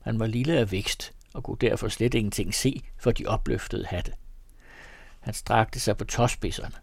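A man reading a classic short story aloud in a measured, expressive manner. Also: fairly low pitch, gravelly, husky, dry recording. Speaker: reader.

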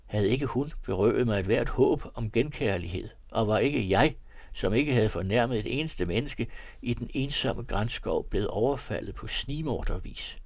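A man reading an old novel aloud in a measured, literary way. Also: lowish voice, expressive, no room sound. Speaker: reader of classic novels.

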